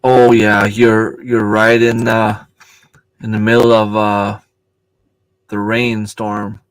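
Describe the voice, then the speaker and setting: Speaking slowly in a lowish, smooth voice with little pitch variation, a native French speaker hosts an informal live stream. The recording is dry and rough. He hesitates a lot, using fillers, restarting lines and replying to incoming viewer comments.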